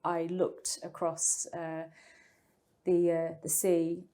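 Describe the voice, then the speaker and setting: An English woman novelist from England speaks in an interview, her voice lowish, monotone, and mellow, taking things slowly. She talks thoughtfully through her writing, with plenty of small fillers and restarts.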